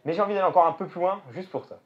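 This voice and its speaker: This man talks very fast in a high-sitting voice. A stage magician from France, he runs through live show patter, musing aloud and addressing the audience. The show recording is dull and lo-fi, with background music.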